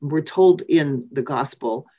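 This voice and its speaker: A woman preacher giving a sermon in a measured, reflective way, with thoughtful pauses. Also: very deep voice, mellow, slightly rough. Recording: dull lo-fi recording.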